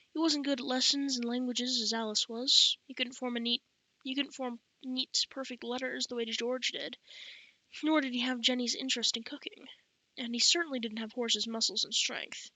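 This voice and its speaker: A woman reads an audiobook in a bright, forward voice pitched a little high, catching her reading slips and correcting them aloud. The recording is close and dry with no echo, and low in quality.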